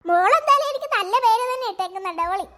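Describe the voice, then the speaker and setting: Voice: very high-pitched, animated, quick pace, very noisy, voice pushed down. A performer voicing a magic Barbie doll in a cartoon, a doll girl who has grown big and talks in a curt, scolding way. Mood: soothing. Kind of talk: cartoon voice acting.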